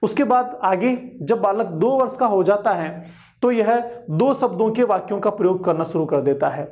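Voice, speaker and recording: A man's voice: high voice, lively intonation, normal speed, darkish tone. Man giving a Hindi exam-prep lecture. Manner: explanatory, repeats key points with examples. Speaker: teacher.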